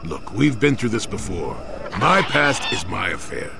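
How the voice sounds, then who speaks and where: Low, creaky, wry old hermit. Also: male voice, very animated, a little slow, background noise, exaggerated voice. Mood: testy, teasing. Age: older. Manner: sardonic, evasive, theatrical. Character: gruff, wry old hermit with a hidden past. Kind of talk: video game dialogue acting.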